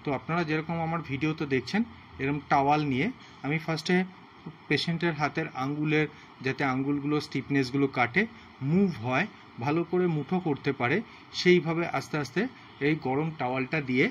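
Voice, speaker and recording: A man demonstrating physiotherapy exercises on a patient at home, explaining each step slowly and with much repetition. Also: on the high side, a bit bright, slight background noise. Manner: slow, repetitive, instructive.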